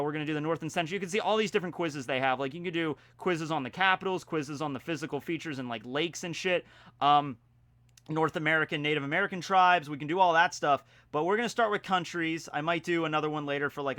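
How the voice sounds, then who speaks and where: A man talking casually in a home vlog, with playful mock-grandiose announcing, theatrical emphasis and drawn-out words. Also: on the high side, a bit bright, clear, resonant tone, dry recording. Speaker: vlogger. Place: indoors at home.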